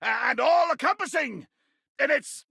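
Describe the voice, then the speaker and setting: A man voicing a bombastic, bloodthirsty pirate captain in a video game, with a raspy, gravelly growl and grandiose, archaic seafaring speech. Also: very high voice, lively intonation, measured pace, pushed and bright, dry recording, clean studio sound, heavily acted. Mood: boastful, menacing. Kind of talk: theatrical video game character acting.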